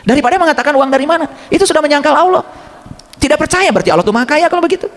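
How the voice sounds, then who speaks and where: A man's voice: very high voice, very fast. A middle-aged man giving an informal sermon as a religious teacher. He keeps asking the congregation questions and acts out little dialogues. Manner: animated, asks the audience questions and acts out dialogues. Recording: long hall reverb.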